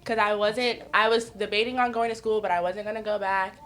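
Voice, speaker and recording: A northeastern US woman in her twenties speaks briskly in a mid-range, fairly bright voice with a steady tone. On a podcast as a guest, she swaps frank personal stories in a candid, casual chat, laughing often and reenacting what people told her.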